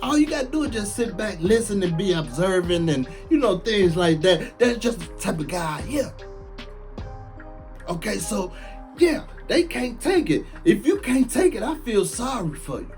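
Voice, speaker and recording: A man's voice: high voice, moderate pace, faint music behind. Slangy man telling prison stories. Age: late 30s. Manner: animated, slangy, repeats lines for emphasis. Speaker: former prisoner telling his story. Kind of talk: casual storytelling to camera.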